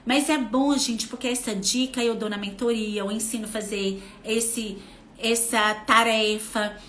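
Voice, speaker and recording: A Brazilian woman in her thirties with a high voice, talking casually to mothers on a live stream. She chats warmly with viewers by name and acts out little family dialogues. The sound is roomy and echoey, as if from a room at home. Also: fairly even intonation, unhurried, a little hiss or hum. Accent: Brazilian Portuguese. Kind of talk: casual live advice talk.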